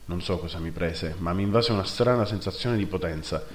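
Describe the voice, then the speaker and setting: A man narrating a first-person fantasy story in a steady, measured reading, in a roomy recording. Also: deep voice. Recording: roomy echo.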